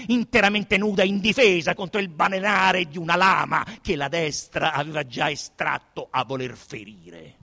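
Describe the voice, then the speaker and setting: Reading from a literary novel with theatrical intensity, this Roman-accented actor alternates between quiet murmuring and booming declamation. His voice sits high and carries vocal fry.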